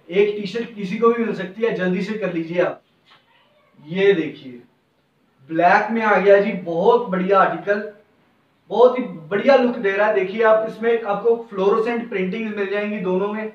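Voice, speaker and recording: A man's voice: high voice, moderate pace. A young man presenting T-shirts in a clothing shop, with an eager, repetitive salesman patter and a lapel mic. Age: young adult. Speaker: garment seller presenting stock. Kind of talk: product showcase sales pitch. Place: indoor clothing shop with hanging racks. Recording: roomy, dull, slightly distant.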